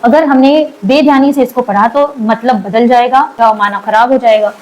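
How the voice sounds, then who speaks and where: A woman teaching Quran recitation, sounding out Arabic letters slowly and repeating each sound for her learners. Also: a little high, a little mellow, slight background noise, low-quality recording. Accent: Urdu-Hindi of South Asia. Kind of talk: slow explanatory lesson.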